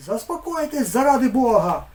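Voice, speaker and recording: Man playing a loud, high-strung village boss barking orders in a spoken story reading. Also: sing-song, moderate pace. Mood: pleading. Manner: shouting, commanding. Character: flustered middle-aged village council head, bellowing orders.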